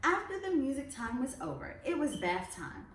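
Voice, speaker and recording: Narrating a kids' storybook, a woman uses a high, highly animated voice that swings widely in pitch and lands expressive, deliberate stress on her phrases. The mic sits far off, picking up an echoey room and a little noise.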